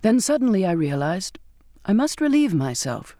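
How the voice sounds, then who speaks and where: A man narrating a first-person story in a measured, expressive reading. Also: sits high, no room sound, clean studio sound. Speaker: audiobook narrator.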